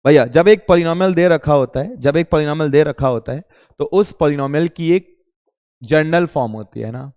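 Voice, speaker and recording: In a coaching classroom with noticeable reverb, a man with a fairly high, somewhat mellow voice gives an exam-prep maths lecture. He addresses his students directly in a casual way, asking questions and then answering them himself.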